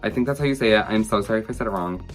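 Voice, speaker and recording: Chatty man, lowish voice. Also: racing, soft background music. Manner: gushing, chatty, filler-heavy. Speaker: drag competition contestant. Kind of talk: confessional to camera.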